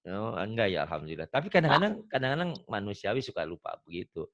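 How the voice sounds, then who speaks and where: A man's voice: lowish voice, very animated, fast, vocal fry, dull audio. A man teaching Quran reading in an online lesson, patient and joking, repeating words for a student to copy. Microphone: video call.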